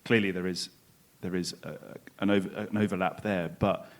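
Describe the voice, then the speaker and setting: Man, very low voice, co-host, hedging, lots of kind of, live stage. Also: steady tone, moderate pace. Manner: hedging, many "kind of"s, self-correcting. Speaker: podcast co-host moderating a panel. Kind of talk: live panel discussion. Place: conference stage before an audience.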